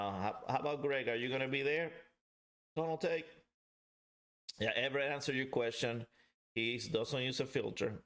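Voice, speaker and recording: Male livestream host, medium pitch, casual and chatty, talks straight to the audience. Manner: chatty, addresses viewers directly. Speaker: livestream host and pipe reviewer. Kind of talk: casual live chat with viewers.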